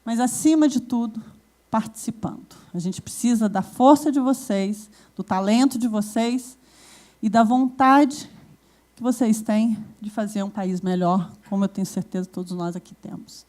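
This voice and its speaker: A woman's voice: on the high side, normal speed, darkish tone. A woman giving a university keynote lecture, talking with many fillers and restarts.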